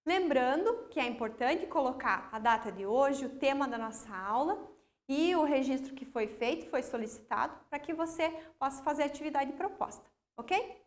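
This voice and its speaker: A woman with a high, bright voice and a Brazilian accent teaches a recorded school lesson. She speaks slowly and patiently, stressing words syllable by syllable so children can follow. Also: lively intonation. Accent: Brazilian Portuguese. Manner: slow, patient, emphatic syllable-by-syllable explanation.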